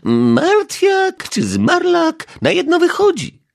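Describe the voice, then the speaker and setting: A grumbling elderly widow neighbour, huffy and shrill. Her scolding falsetto sits far above a man's voice and swoops widely. The sound is soft and slightly breathy, like a storybook reading. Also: huge pitch swings, takes it slowly, exaggerated voice. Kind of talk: audiobook character voice.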